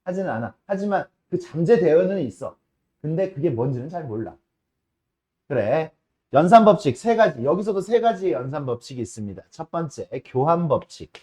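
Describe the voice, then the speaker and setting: A man teaching a math class in a casual lecture style, often checking with his students and slowing down to stress key terms. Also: on the high side, sing-song, mellow. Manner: casual, asks students frequent checking questions.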